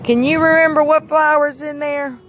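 A mother touring her outdoor backyard vegetable garden records on her phone, chatting casually and patiently asking her small child simple questions. She speaks in a high-sitting, steady voice at a moderate pace, with background noise present.

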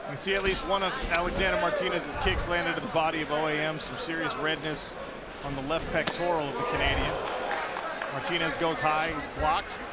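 A man's voice: fairly high pitch, steady tone, a little fast, very noisy. A man giving live play-by-play fight commentary as a broadcast commentator. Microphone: broadcast commentary microphone. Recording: loud music and crowd behind.

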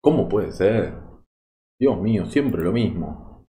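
Rioplatense male gamer, young, fed-up live commentary, low mellow voice. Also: lively intonation, takes it slowly. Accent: Rioplatense Spanish. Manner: exasperated, lamenting and pleading with the game. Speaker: gaming YouTuber.

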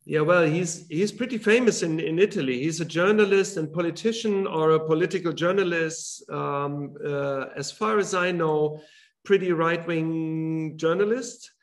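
This German man in his fifties is an author guest in a casual interview, speaking on a webcam video call. His voice is slightly high, and he stops and restarts often, leaning on fillers. A large drawing is visible on the wall of his home room.

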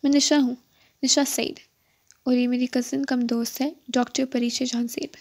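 A woman's voice: sits high, level tone, a little mellow. A woman voicing a chatty, friendly young woman who likes to boss others, speaking eagerly in an audiobook.

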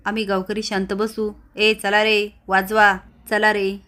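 A woman's voice: medium pitch, steady tone, normal speed, fairly bright tone, natural voice. A woman voicing a defiant older village elder who stands up to the police and rallies the villagers. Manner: defiant, rallying.

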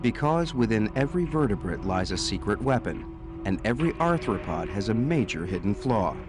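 Low-voiced man narrating a nature documentary. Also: very animated, fairly quick. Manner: dramatic, storytelling. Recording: music under the voice. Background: music.

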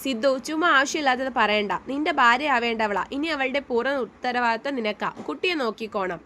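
A woman voicing an elderly, gentle grandmother who soothes and gives advice, in a storybook reading. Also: fairly high pitch, fairly quick, slight background noise. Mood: fond advising. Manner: soothing, lecturing.

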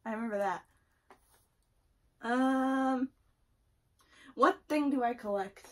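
A young woman co-hosts a challenge vlog from a small room at home, chatting casually and teasingly. Her voice is fairly high and slow.

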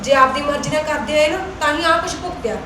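A woman's voice: sits high, fast, pushed and bright, a little hiss or hum. An actress playing a scheming young wife and daughter-in-law in a family drama, who argues back and plots under her breath. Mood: arguing. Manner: argumentative, self-talk plotting. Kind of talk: Punjabi web-series acting.

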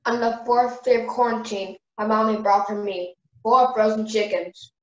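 Woman, fairly high voice, dramatic recitation, far from the mic in a roomy space. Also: steady tone, normal speed. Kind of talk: dramatic recited reading of a parody carol. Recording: echoey, distant, muffled video-call audio.

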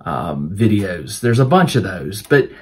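A man's voice: low-pitched, sing-song, unhurried, slightly rough. A man hosting a crafting channel, answering viewer questions in a casual, rambling way, with many fillers and restarts, while his voice starts to wear out. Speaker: host of a tabletop crafting channel. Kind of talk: casual Q&A chat to camera.

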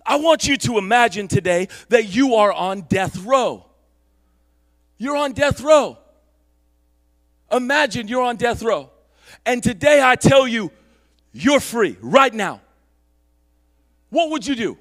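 A man with a strikingly high speaking voice delivers a sermon in church. He preaches with fervor and often rises to a shout. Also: animated, takes it slowly, pauses often. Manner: impassioned preaching that builds to shouts. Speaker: pastor. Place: church service.

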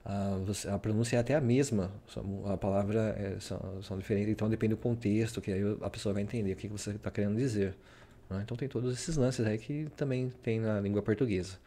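A man from Brazil chats in an unhurried, rambling way, often tacking a questioning tag onto his sentences. His voice sits fairly low and has a dark, mellow tone. It sounds like a casual screen-share video. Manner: rambling, full of "né?" tags. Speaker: vlogger.

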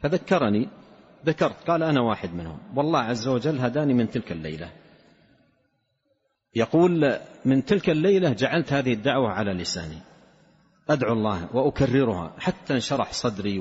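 A man's voice: medium pitch, animated, quick pace, slightly rough. A man giving a sermon, telling a story with earnest advice and voicing the people he quotes. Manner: earnest, tells a story and acts out quoted speech. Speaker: Islamic scholar. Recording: dull, hollow hall recording.

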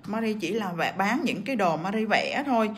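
A woman's voice: mid-range voice, animated, fairly quick, slight background noise. A woman with a cough teaching nail art on a livestream, chatting as she works and reading out viewer comments. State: sick with a cough.

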